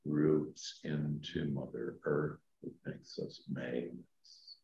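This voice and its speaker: A man with an extremely deep voice leads a guided meditation in the manner of a sleep story narrator. He speaks very slowly and softly, leaving calming gaps between phrases. The sound is dull and roomy. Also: slight background noise. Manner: soft, hushed, calming delivery with long pauses. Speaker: spiritual teacher and meditation guide.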